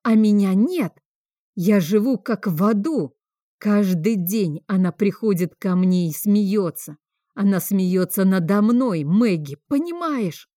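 Woman reading a hoarse, drunken grieving master. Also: medium pitch, expressive, takes it slowly, dark tone, dry recording, studio quality. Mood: furious. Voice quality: hoarse from drink. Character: grieving drunken male house master, volatile. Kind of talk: audiobook reading.

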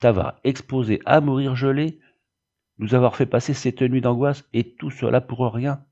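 A man's voice: lowish voice, normal speed, dark tone, lo-fi sound, lightly acted. A man voicing a young wife and mother who speaks in agitated exclamations. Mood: indignant.

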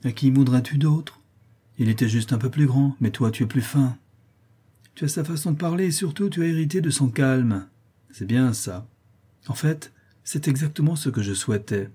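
A man's voice: medium pitch, normal speed, dark tone, slightly rough, voice pushed up. A man reading an audiobook, voicing a proud, curt widowed mother in a raised voice. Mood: proud, stern. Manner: curt and scolding. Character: stern widowed mother, sharp-tongued, proud.

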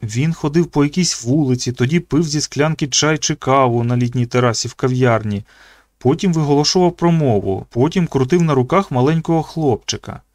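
A man reading an audiobook as its narrator, in an even, measured way. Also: medium pitch, no echo, studio quality. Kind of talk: scripted narration.

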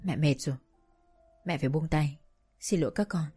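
A weary mother at the end of her strength, cool and resolved in a lowish voice, as a woman narrator reads her. Soft music plays underneath. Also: moderate pace, breathy edge.

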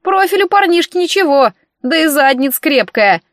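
A woman voicing a nosy, cheeky old mother of a healer who meddles loudly in everything. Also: animated, moderate pace, no room sound, studio quality. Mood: shrill meddling. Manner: shrill, bossy, meddling.

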